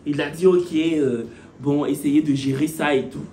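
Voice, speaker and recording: A man's voice: on the high side, fairly even intonation, measured pace, mellow, roomy sound, slight background noise, voice pushed down, lightly acted. A man voicing a curt, formal male director of studies. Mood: resigned.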